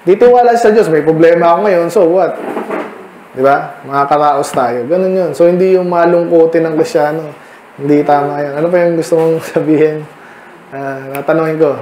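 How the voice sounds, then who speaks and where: A man's voice: a little high, moderate pace, darkish tone, reverberant, slight background noise, low-quality recording. Filipino pastor quizzing his listeners. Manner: conversational, quizzing listeners by name. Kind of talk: midweek Bible study sermon. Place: church meeting room.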